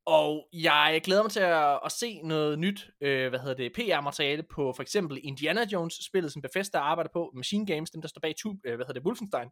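A man's voice: fairly high pitch, hardly any pauses. A man co-hosting a casual podcast chat, telling stories with lots of animation. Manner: animated storyteller, acts out voices. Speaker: podcast co-host.

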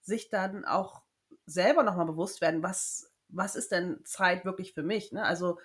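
A woman co-hosting a casual chat podcast, talking in a frank, emphatic way with pauses and fillers. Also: lowish voice. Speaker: podcast co-host.

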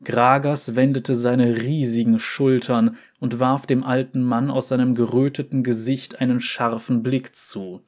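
Guy reading a fantasy audiobook, takes his time, mid pitch. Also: little pitch movement, measured pace, hardly any pauses, darkish tone. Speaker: narrator.

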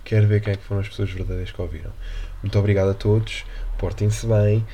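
Slangy young Portuguese man, low voice. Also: flat delivery, fast, warm tone, muffled recording, a little hiss or hum. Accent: European Portuguese. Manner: rambling, slangy and joking. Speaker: podcast host. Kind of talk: casual solo podcast chat.

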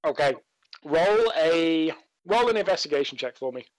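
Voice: mid-range voice, animated, moderate pace, dry recording, low-quality recording. A game master narrating a tabletop game scene in a loose, descriptive way with fillers.

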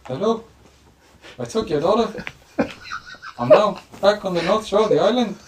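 A man voicing a menacing male turtle overlord in a high, silly put-on voice with plunking sounds. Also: lively intonation, moderate pace, a little hiss or hum, lightly acted.

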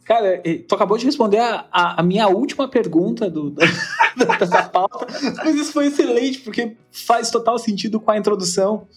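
A man's voice: sits high, lively intonation, fairly quick, faint music behind. A man with a Brazilian Portuguese accent hosting an interview podcast, talking in an enthusiastic, rambling way. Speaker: podcast host. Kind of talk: casual interview intro.

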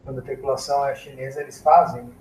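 A man's voice: mid-range voice, flat delivery, quick pace, darkish tone, roomy sound, distant mic, a little hiss or hum, poor audio. A man hosting a casual interview, asking friendly prompting questions. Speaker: podcast host.

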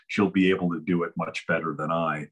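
A man hosting a podcast, with a very deep voice that has a husky edge. He introduces his guest with lavish praise and small stumbles. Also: level tone, a little fast. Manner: warm, effusive introductions with stumbles. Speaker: podcast host. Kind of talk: interview hosting.

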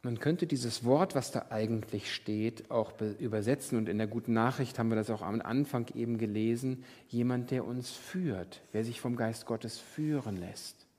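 Brief: male pastor, husky voice, sermon with rhetorical questions, long church-hall reverb. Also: medium pitch, moderate pace, few pauses. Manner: rhetorical questions, swings from loud to whispered.

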